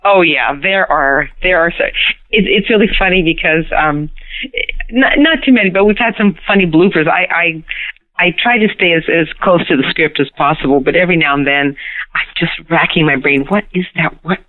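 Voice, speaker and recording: Speaking at a moderate pace in a lowish voice, this middle-aged woman from Canada, a native Hungarian speaker, is a guest actress in a relaxed interview. She's animated and quick to laugh, repeating words at the start of sentences, and the phone line sounds tinny.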